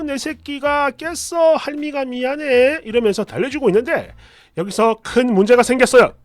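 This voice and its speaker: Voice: mid-range voice, no room sound. A storyteller in scripted narration, telling a family story in a chatty, confiding way.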